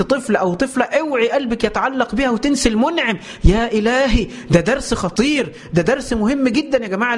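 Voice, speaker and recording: Male Egyptian preacher, rapid-fire religious lesson, emphatic and emotional, talks straight to the congregation. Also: high-pitched. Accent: Egyptian Arabic. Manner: emotional, emphatic, repeats oaths; addresses listeners directly.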